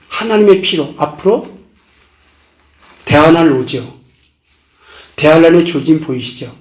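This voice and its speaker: Impassioned high-voiced preacher man, echoey church. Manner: impassioned preaching, pitch swings up on key phrases. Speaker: pastor. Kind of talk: testimony sermon.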